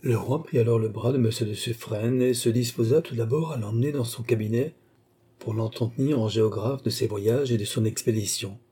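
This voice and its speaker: A man reading a classic French novel aloud as audiobook narrator, in a measured, literary manner. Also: medium pitch, warm tone, breathy edge. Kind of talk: scripted narration.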